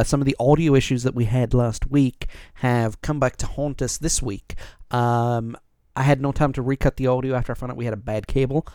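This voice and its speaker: Smooth and darkish in tone, a medium-pitched male voice drives this casual music podcast. The host is rambling, chatty and self-deprecating, with audio that sounds dull and compressed.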